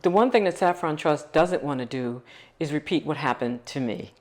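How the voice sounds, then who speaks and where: Woman, middle-aged, very low voice, earnest, emphatic, interview. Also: lively intonation, normal speed, a little mellow. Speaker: nonprofit founder. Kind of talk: documentary interview.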